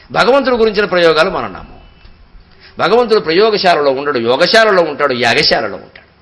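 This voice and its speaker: Fields: Sex: man. Role: spiritual discourse speaker. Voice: bright, high-pitched. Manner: expressive storytelling, slow drawn-out verse recitation. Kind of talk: devotional discourse with chanted verses.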